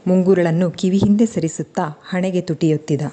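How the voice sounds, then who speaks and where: A woman reads a family love story aloud, shifting her voice to act out the characters. Her voice sits fairly low, with a mellow, dark tone and an unhurried storyteller's delivery. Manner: expressive, acts out each character. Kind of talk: scripted story narration.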